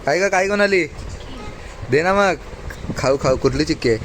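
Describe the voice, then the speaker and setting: A man's voice: fairly high pitch, moderate pace, fairly bright tone, a little hiss or hum. A man hosting a casual family vlog at home, chatting and teasing, talking to viewers as guys.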